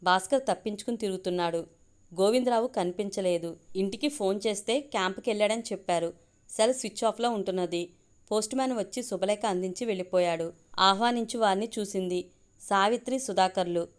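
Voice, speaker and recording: A woman's voice: medium pitch, fairly quick. Woman reading a story aloud.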